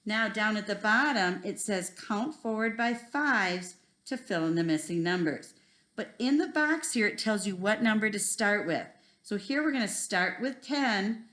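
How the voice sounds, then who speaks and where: A woman's voice: medium pitch, lively intonation, measured pace, fairly bright tone. A woman teaching a first grade lesson, talking simply and encouragingly to children like a kids show host. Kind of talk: instructional math video lesson for young children.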